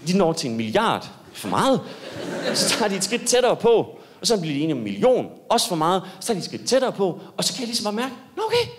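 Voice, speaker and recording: Lively, high-voiced male stand-up comic. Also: noisy background. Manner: animated storytelling, jumps into high yelps for punchlines. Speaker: stand-up comedian. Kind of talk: stand-up comedy set. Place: live comedy stage.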